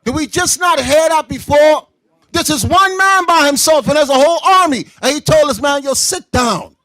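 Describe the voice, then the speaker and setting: A man teaching scripture to a class, loud and confrontational, breaking into shouts and explaining verses in everyday slang. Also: extremely high pitch, normal speed, dry recording. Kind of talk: street-style preaching commentary.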